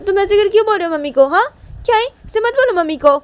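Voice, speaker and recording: A woman voicing an anxious young woman who pleads in a hurried way. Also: very high voice, lively intonation, voice pushed up. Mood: pleading.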